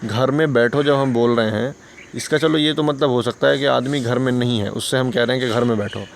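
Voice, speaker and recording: A man with a gravelly, creaky voice teaches a beginners' lesson at an even, mid pitch. He explains patiently, repeating each point and asking questions he then answers himself. Faint outdoor noise with insects sits under the voice. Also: brisk. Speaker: English teacher.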